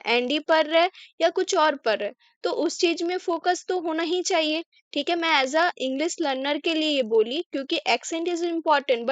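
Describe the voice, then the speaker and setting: A young Indian woman with a high, fairly bright voice gives a slow, line-by-line English lesson explained in Hindi. She patiently teaches step by step, posing questions and then answering them herself, with no echo in the recording.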